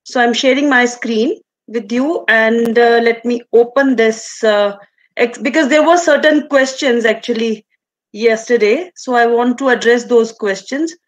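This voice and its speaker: A woman with an Indian accent giving an online lecture with a screen demonstration, explaining in a halting way over a video call. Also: a little high. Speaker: resource person, lecturer. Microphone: video call from computer.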